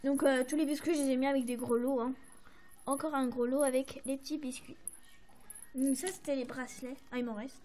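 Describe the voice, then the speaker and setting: High-voiced French woman chatting about crafts. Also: fairly even intonation, brisk, warm tone, slight background noise. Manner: chatty, hesitant, many fillers and apologies. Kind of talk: casual show-and-tell to camera.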